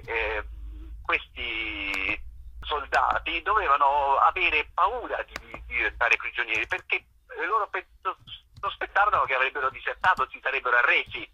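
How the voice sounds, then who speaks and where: A theatre writer-performer, a man, is interviewed by phone as a guest on the radio, explaining things discursively and groping for his phrases. His mid-range voice is bright, forceful and husky. The phone line sounds dull and band-limited.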